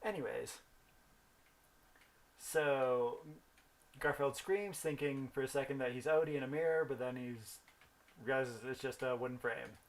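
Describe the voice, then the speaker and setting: Man, young adult, casual gameplay commentary, rambling, thinks aloud, mid-pitched voice. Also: a little slow, pauses often. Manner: rambling storytelling while thinking aloud about the game. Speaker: gaming video host.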